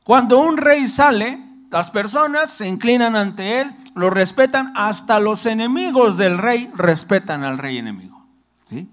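A male preacher with a notably high voice speaks directly to his listeners and keeps calling them brother. He reads scripture aloud, then retells it in plain words and follows it with rhetorical questions. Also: lively intonation, unhurried, fairly bright tone, slight background noise. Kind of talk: sermon.

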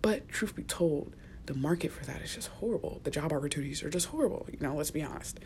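Soft-spoken young woman rambling casually. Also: sits low, animated, fast talker, slight background noise. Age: young adult. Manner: soft, rambling, many fillers and restarts, drifting into whispers. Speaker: podcast host. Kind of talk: casual solo podcast rambling. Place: small enclosed room at work.

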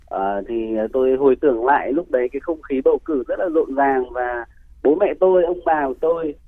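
Male radio guest, mid pitch, hesitant phrasing, thin phone-band sound. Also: brisk. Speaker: guest music producer and songwriter. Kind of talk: radio interview answers. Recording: tinny, narrow phone-like line.

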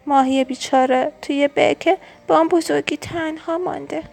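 A woman voicing a little girl turtle in a storybook reading, soft and childlike. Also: high-pitched, expressive, faint music behind, voice pushed up. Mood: earnest.

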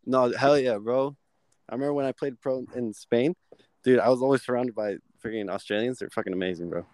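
A young man talks in an easygoing, slangy way, tossing in "bro" and "dude". His voice sits at an average pitch. It is a relaxed podcast chat among friends. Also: a little fast. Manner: laid-back, slangy, says bro and dude. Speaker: podcast guest. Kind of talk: casual chat.

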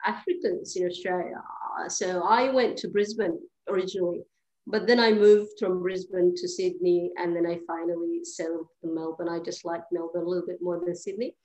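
A woman's voice: lowish voice, fairly even intonation, normal speed, darkish tone, low-quality recording. Hesitant woman from Eritrea, podcast guest. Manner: hesitant, many restarts and fillers, laughs easily. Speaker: guest, cleaning business founder. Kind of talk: podcast interview, casual conversation. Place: at home during lockdown.

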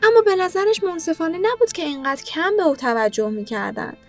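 A woman narrating a children's story in a gentle storytelling manner. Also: very high voice, lively intonation, faint music behind.

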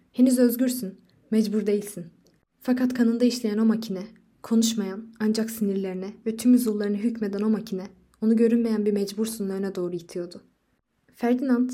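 Mellow-voiced woman narrating a story. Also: mid-range voice. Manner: measured, expressive storytelling. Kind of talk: audiobook narration of a short story.

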